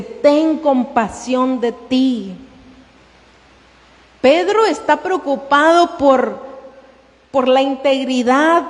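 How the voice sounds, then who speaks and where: A woman's voice: high-pitched, long reverb tail. A woman pastor preaching a sermon, asking the congregation questions and calling them "hermano".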